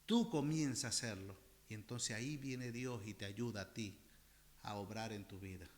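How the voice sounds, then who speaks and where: A man's voice: fairly low pitch, normal speed. A man preaching a sermon as pastor, impassioned, often calling his listeners brothers and repeating phrases for emphasis. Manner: repeats phrases for emphasis, swinging between loud and soft.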